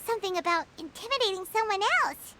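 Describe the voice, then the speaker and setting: Squeaky, plucky little fairy companion. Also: female voice, quick pace, heavy background noise. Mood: puzzled, thoughtful. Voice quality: squeaky, childlike. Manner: speaks of self in third person, exclaims. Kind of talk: anime video game voice acting.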